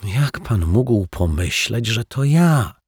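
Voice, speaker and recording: A man voicing a mild-mannered male detective who speaks calmly and with gentle reproach, in a storybook reading. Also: deep voice, measured pace, gravelly, husky, no echo, studio quality, exaggerated voice.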